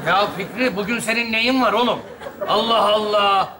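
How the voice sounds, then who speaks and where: Brief: actor as a blunt scolding friend, raised pitch, stage noise behind. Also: male voice, normal speed, close to an everyday voice. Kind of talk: studio sketch comedy.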